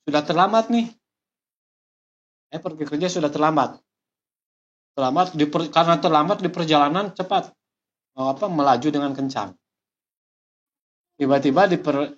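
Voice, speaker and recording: Man, storytelling lesson, deliberate, repetitive, dull lo-fi recording. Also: fairly high pitch. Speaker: motivational speaker.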